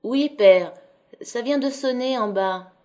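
Teen miner girl, brisk and coaxing, woman reader voicing her, a bit higher, audiobook. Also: mellow. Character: tired but good-natured fifteen-year-old miner girl.

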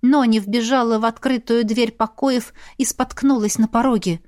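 Woman, audiobook narrator, first-person fantasy, expressive, fairly high voice, dry booth sound. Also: normal speed, no echo. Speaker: audiobook reader.

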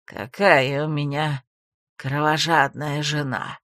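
A woman voicing a calm, creepy male cult leader with a creaky, low, slow voice. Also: no echo, studio quality. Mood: mocking.

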